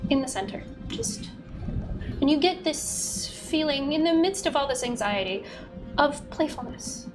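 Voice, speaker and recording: A woman narrating a tabletop game as game master, describing scenes in halting, piece-by-piece phrases. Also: high voice, animated. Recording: background music.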